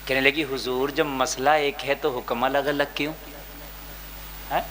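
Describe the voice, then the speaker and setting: A man preaching an emotional sermon, dropping to a hush and then shouting, with sighing cries in between. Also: mid-range voice, level tone. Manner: swings from hushed to shouting, sighs and wails. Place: gathering with a live crowd.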